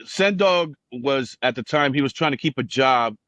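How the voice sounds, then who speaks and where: A man in his fifties from Cuba tells a relaxed, animated story as a podcast guest, now and then slipping into higher voices to act out the people he quotes. His voice sits at an ordinary middle pitch, recorded close and dry. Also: moderate pace, no room sound, highs cut off. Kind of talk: casual storytelling interview.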